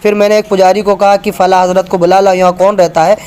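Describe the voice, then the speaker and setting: A man's voice: high voice, flat delivery, quick pace, a little mellow, clear, resonant tone. A man giving an argumentative religious talk, reading passages from books and pointing viewers to pages. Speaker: religious speaker.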